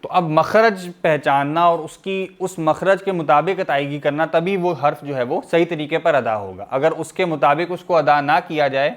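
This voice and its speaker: A man's voice: a little high, normal speed, hardly any pauses. A man teaching a pronunciation lesson, explaining patiently, checking in with his listeners and drawing out letter sounds to demonstrate them. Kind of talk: recorded Arabic pronunciation lesson.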